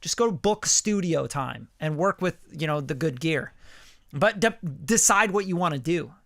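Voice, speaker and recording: A man in his late thirties giving a casual live song critique as a music producer, animated and profane, full of "like" and "you know.". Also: fairly high pitch, normal speed, creaky, no echo, studio quality. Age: late 30s. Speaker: music producer reviewing listener songs.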